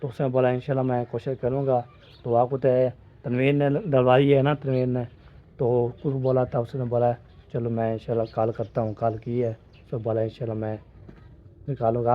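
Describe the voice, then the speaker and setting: A man with a dark, mid-range voice talks to his phone camera while strolling through hot village fields. It's a loose family vlog, full of rambling and repeated fillers.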